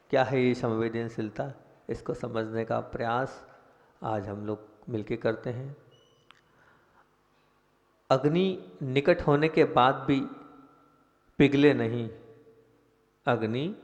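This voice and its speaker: Male monk preacher, unhurried sermon delivery, questions to the audience, long hall echo. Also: mid-range voice, highs cut off. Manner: slow, deliberate, asks the audience rhetorical questions.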